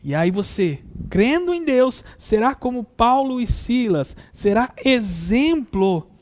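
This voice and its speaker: A man preaching a sermon, reading scripture aloud and repeating verses, stretching key words and hitting them with sudden loud stresses. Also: extremely high pitch, very animated, slow pace.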